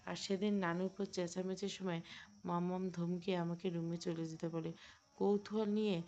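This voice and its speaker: A woman's voice: lowish voice, level tone, normal speed, warm tone, muffled recording, a little hiss or hum, natural voice. A woman reading an earnest younger boy cousin playing amateur detective in an audio story, with a probing, questioning manner.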